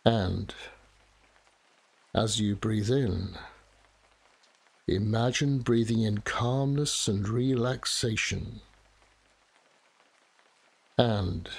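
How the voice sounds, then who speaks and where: Slow, soft-spoken man guiding meditation. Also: medium pitch, gravelly, husky. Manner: soft, soothing, measured delivery with long pauses. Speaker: guided meditation narrator. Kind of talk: guided relaxation meditation narration. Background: steady rain.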